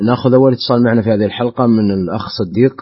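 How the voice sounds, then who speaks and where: A man hosting a call-in broadcast, briskly announcing the number and welcoming callers. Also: mid-range voice, breathy edge. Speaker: show host. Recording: muffled lo-fi broadcast audio.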